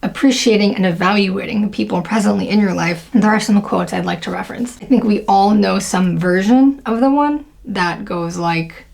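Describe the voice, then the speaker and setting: A woman's voice: medium pitch, moderate pace, vocal fry, hardly any pauses, darkish tone. A young woman talking casually to camera, chatty and full of fillers. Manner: chatty, lots of fillers and laughs. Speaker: video creator.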